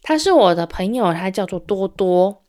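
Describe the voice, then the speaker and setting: A woman's voice: medium pitch, expressive, normal speed, a little mellow, natural voice. A woman voicing a friendly, playful little pig in a children's storybook tale, cheerful and coaxing.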